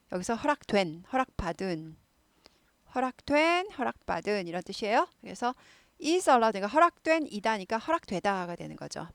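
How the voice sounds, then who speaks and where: A woman's voice: on the high side, no echo. Patient Korean woman drilling English words. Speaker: English teacher. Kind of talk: explaining English lessons in Korean.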